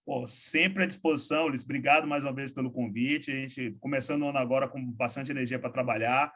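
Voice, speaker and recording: A man from Salvador, talking as an energetic, informal interview guest who uses plenty of slang. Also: mid-range voice, fast talker. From Salvador, Bahia, Brazil. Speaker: guest, logistics startup founder. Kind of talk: relaxed interview talk.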